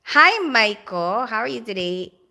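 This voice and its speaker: A woman's voice: a little high, very animated, a little slow, vocal fry, bright, forceful tone. A woman with a Filipino accent who grew up in the Philippines, chatting casually on a live stream, reading viewer comments aloud and laughing often.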